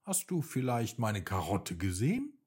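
A man voicing a small, brave young rabbit in a bedtime story, with excited, fretful exclamations. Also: fairly low pitch, unhurried, breathy edge, full character voice. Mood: fretful, eager.

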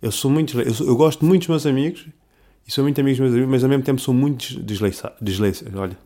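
Mellow-voiced rambling man. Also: mid-range voice, very fast. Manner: rambling, slangy, self-correcting. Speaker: podcast host. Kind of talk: casual monologue.

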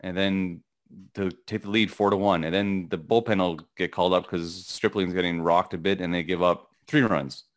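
A middle-aged man co-hosting a casual sports podcast, talking in a gravelly morning voice, rambling and halting with many restarts and fillers. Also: low-pitched, fairly even intonation. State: voice cracking. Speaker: podcast co-host.

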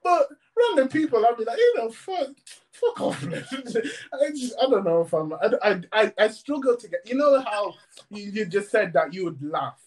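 A man's voice: high voice, normal speed. A young man, chatting casually in slangy, sweary stories. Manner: slangy, animated storytelling with frequent swearing. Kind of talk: casual group chat.

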